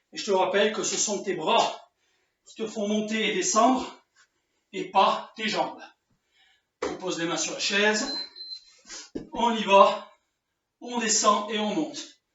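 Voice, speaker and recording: Man coaching a workout, high and echoey. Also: fairly bright tone. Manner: counts reps aloud, grunts with effort, encouraging. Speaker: fitness coach. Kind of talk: home workout instruction. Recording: distant, roomy, dull sound.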